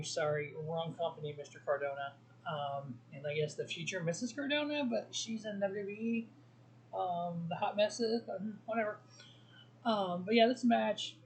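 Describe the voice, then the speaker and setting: A man's voice: high voice, poor audio. A man hosting a wrestling review show, giving blunt opinions in a casual solo talk full of ums and restarts.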